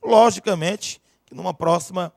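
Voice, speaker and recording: A man teaching a grammar lesson, lively and constantly checking in with his students. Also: high-pitched, moderate pace, creaky, dry recording. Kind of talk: recorded online lesson.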